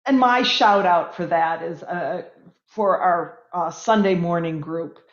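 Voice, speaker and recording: A woman hosting an interview, asking halting, emotional questions and laughing often. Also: lowish voice. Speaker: host. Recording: echoey muffled call audio.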